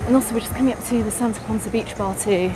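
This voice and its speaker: Speaking very fast in a slightly high voice, a middle-aged English travel vlogger gives a live walking tour and responds to viewers' questions. The outdoor stream, recorded on a busy beach promenade at dusk, is full of crowd noise and passing traffic.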